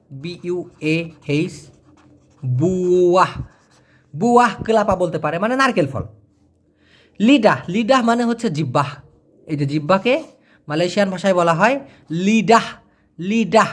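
Male language teacher, lively, repeats and spells each word. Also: sits high. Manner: explains slowly, spells out letters, repeats words. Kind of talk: casual vocabulary lesson.

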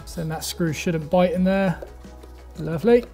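A man's voice: high voice, normal speed, over loud music. A young man, teaching woodworking in a workshop, chatty and upbeat as he explains each step. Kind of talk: instructional talk.

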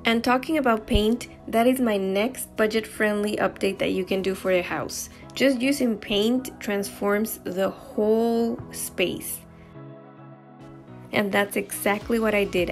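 A woman's voice: fairly high pitch, gravelly. A woman in her forties narrating her home renovation vlog in a chatty, encouraging way, recorded on a lapel mic at home. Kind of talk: friendly voice-over narration. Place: home living room, indoors.

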